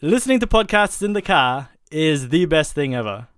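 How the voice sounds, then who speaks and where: A man's voice: on the high side, very animated, moderate pace, fairly bright tone, smooth, no echo, studio quality. A man hosting a podcast in casual chat, rambling and correcting himself as he goes. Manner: rambling, with many fillers and self-corrections. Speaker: podcast host.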